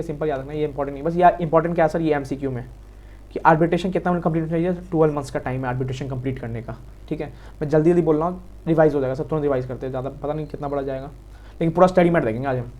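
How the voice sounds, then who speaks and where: A man with an Indian accent giving a quick exam revision lecture on law, talking fast and repeating key points to his students. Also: a little high, dark tone. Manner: quick, repetitive, addresses students as sir. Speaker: law teacher.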